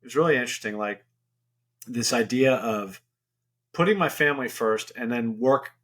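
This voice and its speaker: A middle-aged man with a mid-range, slightly bright voice speaks at normal speed as a guest on a podcast. The venture investor chats candidly and rambles through the casual interview, peppering it with "you know."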